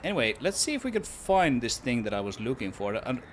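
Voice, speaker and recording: Very animated and brisk, a man with a medium-pitched voice and a Swedish accent livestreams his solo game development work. He chats casually, thinks aloud, and often repeats words, with a little hiss or hum in the audio.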